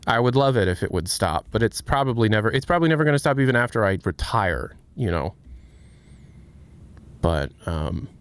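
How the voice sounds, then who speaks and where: A man in his late twenties talks on a casual livestream, answering his chat openly and thoughtfully. He often breaks off and restarts mid-sentence. His voice sits a little low, smooth and clear, and it sounds close and dry. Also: sing-song, dry recording. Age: 20s. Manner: candid, reflective, halting with many restarts. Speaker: streamer.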